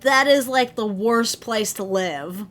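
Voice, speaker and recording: A woman co-hosting a casual reaction stream, giving blunt, animated opinions. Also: on the high side, slow, a little hiss or hum. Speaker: vtuber co-host reacting to news.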